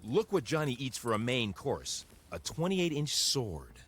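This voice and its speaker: A man's voice: medium pitch, wildly swooping pitch, a little slow, fairly bright tone, slightly rough. A man hosting and narrating a TV show in a scripted, playful, wry way. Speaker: host.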